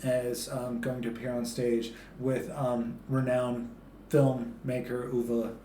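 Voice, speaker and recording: A man's voice: medium pitch, flat delivery, slow pace, dark tone. A man co-hosting a casual movie review chat, laughing often and stumbling over names as he talks. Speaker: podcast co-host. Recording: echoey room, faint background hiss.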